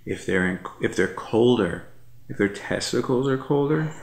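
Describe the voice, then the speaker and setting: This thirty-something vlogger speaks in an animated, gravelly medium-pitched voice at a moderate pace, with reverberant sound. Sitting on his living room couch at night, he chats casually, rambling and repeating himself with plenty of fillers.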